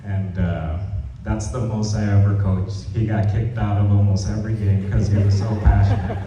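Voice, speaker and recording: A man, a parent, telling informal, rambling stories at a memorial, with many pauses and "uh"s. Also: fairly low pitch, flat delivery, noisy background. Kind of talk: personal storytelling at a memorial. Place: large echoey hall. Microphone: distant room mic. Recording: muffled, echoey hall from far off.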